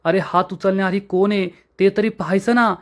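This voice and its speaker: A man's voice: high-pitched, steady tone, brisk, pitched above the performer's own voice, lightly acted. A man voicing an upset man of the house who scolds his brothers, in a read serial recap. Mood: scolding.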